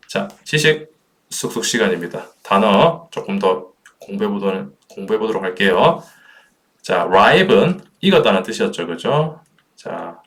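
A man's voice: on the low side, a bit bright. A middle-aged man teaching a beginner English lesson, patiently drilling words and asking listeners to repeat after him.

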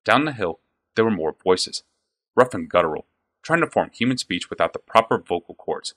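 A man narrating a fantasy audiobook with an expressive, varied delivery. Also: on the low side, normal speed.

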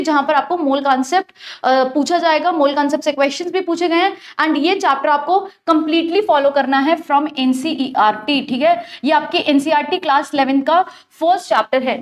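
A young woman, a chemistry teacher, giving an exam-prep lecture, explaining step by step and mixing English terms into her speech. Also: sits high.

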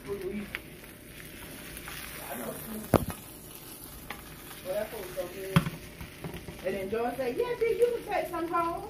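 Southern woman co-host chatting from across the kitchen; lively, fairly high pitch. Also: a little slow, pauses often. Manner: lively storyteller. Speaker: co-host, the cook's wife. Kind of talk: casual chat. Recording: roomy, distant, noisy kitchen with frying.

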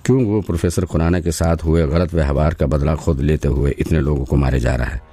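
A gruff, sharp-tongued detective voiced by a man in an audio drama. The voice sits very deep and mellow, and he talks in a blunt, brisk way. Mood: intent.

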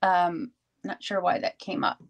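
Casting: middle-aged woman from New York, low-ish voice, chatty rambling live-stream host. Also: measured pace, creaky. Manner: chatty, rambling, greets viewers by name. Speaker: livestream craft host. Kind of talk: casual live-stream chat.

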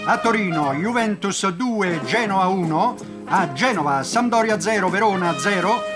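Male sports radio host, high-pitched, clipped live score updates over prominent music. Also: lively intonation, unhurried. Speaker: studio host of football radio round-up.

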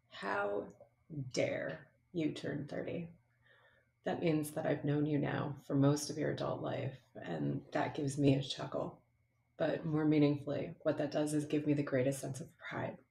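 A man giving a measured, tender birthday message to someone he has known for years. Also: a little high, flat delivery, creaky, mellow. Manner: measured, tender, formal address. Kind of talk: heartfelt birthday video message. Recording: echoey room.

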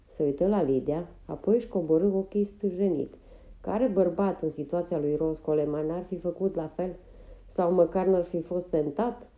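A woman narrating a novel as an audiobook in a steady, even reading manner. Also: lowish voice, highs cut off. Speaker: audiobook reader.

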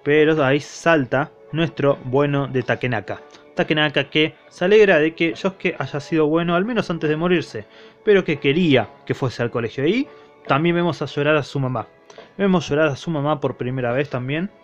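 A man's voice: on the high side, moderate pace, muffled recording, soft background music. A man with an Argentine accent recapping a comic in a casual, slangy way, acting out bits of the characters' lines. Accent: Argentine Spanish. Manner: slangy, lively retelling that acts out the characters' lines. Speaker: manga reviewer.

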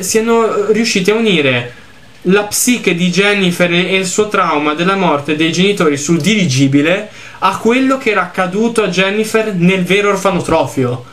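Young italian guy, let's play commentary, kinda high voice, swears a lot, faint game music behind. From Italy. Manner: excitable, swears often, reads game text aloud. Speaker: gaming YouTuber.

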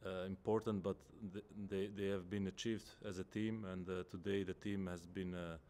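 A man in his thirties, a footballer, answering press conference questions in a measured way and searching for words, at a table microphone in an indoor press room. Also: low-pitched, flat delivery, darkish tone. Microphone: table microphone in front.

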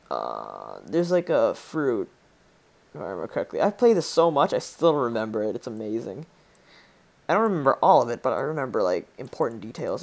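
This teenage boy from Poland, a gaming YouTuber with a Polish accent, jokes and rambles through casual let's play commentary, reading game lines in put-on voices. His male voice is medium-pitched and darkish, with vocal fry.

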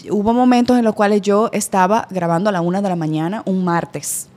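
A woman's voice: medium pitch, fairly quick. A woman guest, telling stories candidly in a casual podcast chat and acting out quoted voices. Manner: candid, animated storytelling with lively quoted voices.

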